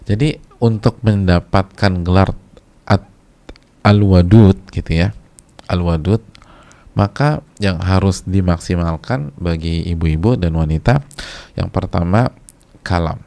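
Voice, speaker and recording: A man's voice: sits low, creaky, warm tone. A man preaching a casual sermon to a congregation of women, repeating key phrases for emphasis, mixing in Arabic, with chatty colloquial asides. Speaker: Islamic preacher.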